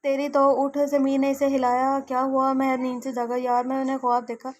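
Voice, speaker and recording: A woman's voice: high voice, monotone, normal speed. A woman reading a romance novel aloud as an audio story, giving all the characters her own voice, with frequent slips and self-corrections.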